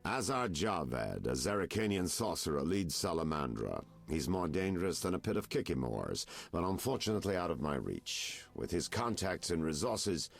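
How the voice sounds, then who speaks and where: Game's noir private eye: weary, sly, gravelly, with hugely dramatic pitch swings. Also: male voice, sing-song, moderate pace, few pauses, exaggerated voice. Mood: grave, confiding. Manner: noir detective delivery, theatrical and insinuating. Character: world-weary male private detective with noir flair. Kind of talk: video game dialogue acting.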